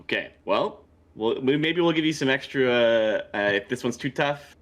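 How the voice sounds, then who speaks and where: Podcast host guy, bright punchy voice, bouncy pitch, playful and jokey. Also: lively intonation, moderate pace. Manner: playful, laughs often. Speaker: podcast host running a trivia game. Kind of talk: casual chat.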